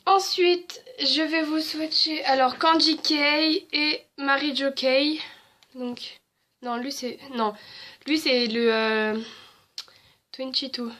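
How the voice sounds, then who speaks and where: A woman's voice: high voice, steady tone, takes it slowly, sharp tone. A young woman chatting casually as a beauty vlogger, with many fillers and restarts. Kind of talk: casual haul and swatch video.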